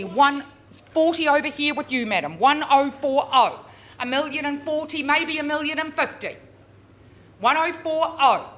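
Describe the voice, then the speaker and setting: A woman working as a real estate auctioneer, calling bids live with drawn-out repeated figures and chatty coaxing of bidders. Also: high-pitched, fairly bright tone. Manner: drawn-out, repeated bid calls. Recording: noisy live auction room.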